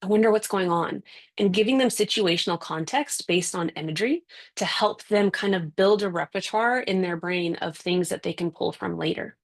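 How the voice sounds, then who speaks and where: Woman parenting coach, low and gravelly, chatty and emphatic, asks rhetorical questions. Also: moderate pace. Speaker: parenting specialist. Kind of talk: parenting talk.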